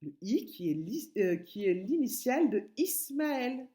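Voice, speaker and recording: Slow, sing-song woman teacher. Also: fairly high pitch. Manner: spells letters out slowly, lively sing-song rises. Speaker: preschool teacher. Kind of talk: slow, clear teaching to small children.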